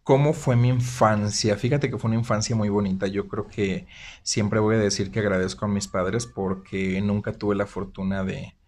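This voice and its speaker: A man's voice: on the low side, a little mellow. A Mexican man in his thirties, a podcast guest talking casually, jokey at times and openly sentimental. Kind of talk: casual interview.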